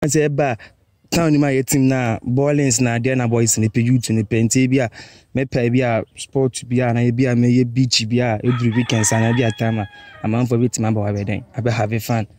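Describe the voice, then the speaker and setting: A young man with a Ghanaian accent, answering casually outdoors in a flat, even way. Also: medium pitch, a little fast. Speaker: interviewee. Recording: noisy outdoor recording.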